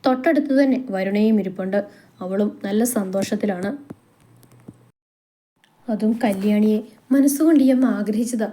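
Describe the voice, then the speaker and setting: Woman narrating a story, steady reading, warm dark voice. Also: medium pitch, moderate pace, long pauses.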